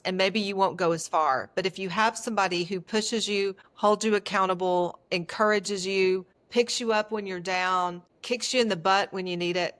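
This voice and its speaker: A woman with a medium-pitched voice speaks as a coach being interviewed. She talks earnestly and emphatically, laying out her points in short statements and lists, in a conversational storytelling way. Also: a bit bright. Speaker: etiquette coach.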